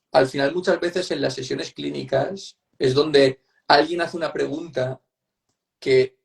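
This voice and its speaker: As a guest psychotherapist in an online interview, a man with a Spanish accent talks in a medium-pitched voice marked by vocal fry. He explains with emphasis in a conversational way, repeating points and asking tag questions for agreement.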